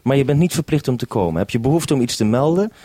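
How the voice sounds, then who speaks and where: A man speaks over a two-way radio link as a programme maker, handing over as he goes in a hesitant, considerate manner. His mid-range voice is dark in tone yet animated and fast, with no echo.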